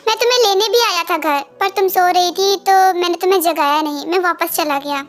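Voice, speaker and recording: A woman voicing a coaxing young boyfriend, very high voice. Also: fairly quick. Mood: pleading. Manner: coaxing, pleading tone. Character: young man, boyfriend, easygoing and apologetic. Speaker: fan dubber. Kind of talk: amateur Hindi fan dub. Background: faint music.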